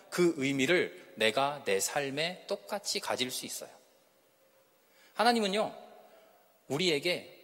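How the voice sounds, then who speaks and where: A man preaching with a lively, rising and falling voice, asking his listeners questions and acting out the quoted lines. His voice rings with a long reverb through a church hall. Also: fairly high pitch. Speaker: speaker at a church women's retreat. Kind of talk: sermon-style lecture.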